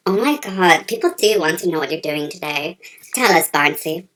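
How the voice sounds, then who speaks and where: A woman plays a female interviewer in a satirical sketch. She gushes with false flattery in a lowered voice, acting deeply impressed by her guest. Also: moderate pace, low-quality recording. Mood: gushing, fawning. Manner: gushing, mock-impressed.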